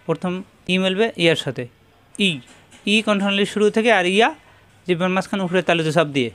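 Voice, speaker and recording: A man leads a methodical pronunciation lesson and drills each sound again and again. His voice sits high and comes across smooth and resonant. Now and then he slips into a slow, chanted recitation. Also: fairly bright tone. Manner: methodical, repeats each syllable slowly. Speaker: Quran recitation teacher.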